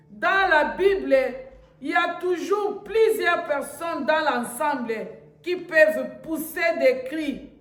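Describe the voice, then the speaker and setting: Slow, high-voiced woman preaching in an echoey church. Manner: emphatic, repetitive, bursts into shouts. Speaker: pastor. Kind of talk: sermon.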